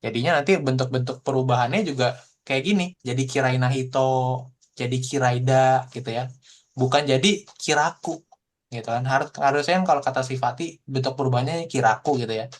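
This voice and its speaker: A man teaching a Japanese language class online, explaining in a relaxed, chatty way full of fillers. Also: medium pitch, fast talker. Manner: explains in relaxed casual Indonesian with frequent fillers.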